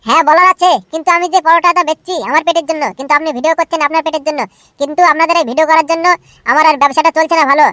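For a Bengali comedy cartoon dub, a performer voices a broke, sulky, scheming young lad in a high, pushed and bright voice with fairly even intonation. He speaks very fast and sounds exasperated.

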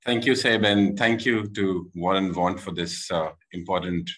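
A man in his forties from Pakistan, giving a measured panel talk over a video call, with many pauses and restarts. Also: low voice, a bit bright, husky, low-quality recording. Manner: measured, with frequent filler "uh" and restarts. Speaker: panel speaker. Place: room at home with window. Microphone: video call, laptop camera.

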